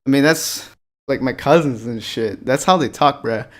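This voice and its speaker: A man's voice: medium pitch, moderate pace. A man hosting a reaction video, ranting in a profane, exasperated and mocking way. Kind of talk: ranting commentary.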